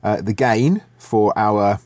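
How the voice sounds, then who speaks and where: In a home studio, a middle-aged man teaches music production software through a screen-share tutorial. He's relaxed and thinks aloud, with fillers and restarts. His voice is lowish and slow, and the recording is dry.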